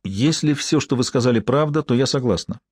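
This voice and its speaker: A man's voice: mid-range voice, fairly quick, slightly rough, no echo, clean studio sound. A man doing a stern female agency director. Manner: curt, demanding, strained to stay calm. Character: stern senior woman, health agency director.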